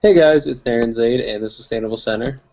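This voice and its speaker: A man's voice: mid-range voice, fast talker, darkish tone, slight background noise. A young man co-hosting a casual chat, talking in a loose, rambling way with many fillers. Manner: rambling, filler-heavy, laughing. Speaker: co-host. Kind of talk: casual chat about tabletop wargaming. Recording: dull lo-fi recording.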